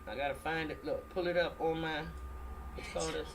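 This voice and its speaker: A woman's voice: low voice, fairly even intonation, a little fast. A middle-aged woman comedian telling stories in a brash, profane, casual way. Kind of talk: casual chat. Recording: distant mic with faint room noise.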